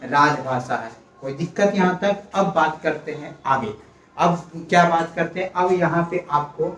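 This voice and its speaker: A man teaching a class, quizzing his students, repeating key words and calling for quiet. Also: fairly high pitch. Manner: calls for quiet. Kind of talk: classroom lecture. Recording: echoey classroom, distant mic, faint noise.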